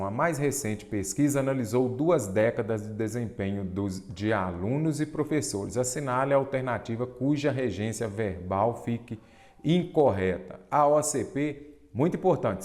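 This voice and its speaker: Lower-voiced man teaching grammar. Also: a little mellow. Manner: explanatory, asks rhetorical questions, stresses key terms. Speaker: Portuguese teacher. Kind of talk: exam-prep lesson at a board.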